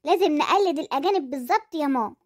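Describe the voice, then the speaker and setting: A performer voicing an eager, cheeky Egyptian boy in a cartoon, chirpy and quick, with an Egyptian accent. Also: high voice, expressive. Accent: Egyptian Arabic. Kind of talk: cartoon voice acting.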